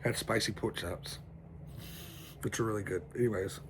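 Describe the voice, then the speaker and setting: A man's voice: on the low side, normal speed, noisy background. A man venting in a rambling, stressed vlog monologue, sleepless and shivering outdoors in the cold, swearing a lot. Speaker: vlogger.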